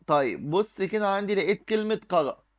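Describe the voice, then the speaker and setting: Quick-paced and expressive, this high-pitched male voice belongs to an Arabic teacher with an Egyptian accent. During an exam review, he writes on the screen, breaks things down step by step, and answers the questions he poses.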